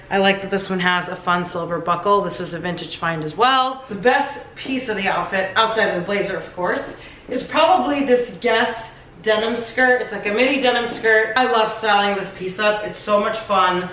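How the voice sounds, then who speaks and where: A woman's voice: medium pitch, bright, forceful tone, a little hiss or hum. A young adult woman chatting casually through a fashion styling vlog, upbeat and full of filler "like"s. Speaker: fashion vlogger. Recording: echoey room, distant mic.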